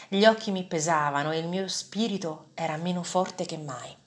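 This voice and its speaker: A woman reading a first-person story aloud in a measured, dramatic way. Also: fairly low pitch.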